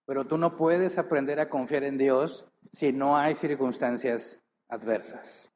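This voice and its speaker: A male pastor with a mid-range, darkish voice preaches a sermon, reading scripture aloud before pressing his listeners with rhetorical questions and leaning into key words. His tone stays steady and earnest, with drawn-out emphasis and many rhetorical questions. There is slight background noise.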